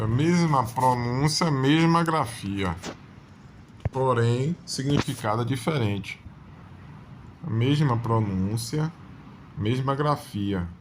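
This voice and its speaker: Slow-talking male grammar teacher. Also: fairly low pitch, background noise. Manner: explains slowly with frequent "né?" checks. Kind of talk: exam-prep grammar lesson.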